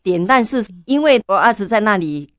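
A woman's voice: mid-range voice, expressive, moderate pace, a bit bright. An older woman, a church elder, telling her story in an interview and fervently repeating her prayers aloud. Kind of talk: testimony interview.

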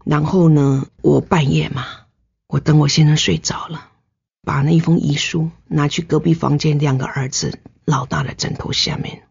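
Brief: older Taiwanese nurse, husky and low, earnest emotional testimony, dull recording. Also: female voice, fairly even intonation, moderate pace, darkish tone. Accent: Taiwanese Mandarin. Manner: earnest, emotional storytelling with sentence-final particles. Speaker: nurse, guest. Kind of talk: personal testimony in an interview. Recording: slightly muffled recording.

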